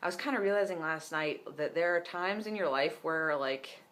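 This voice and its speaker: Speaking at normal speed in a highish, fairly bright voice, a young man records a casual video diary at home. His voice cracks now and then, and his rambling update is full of "um" and "like."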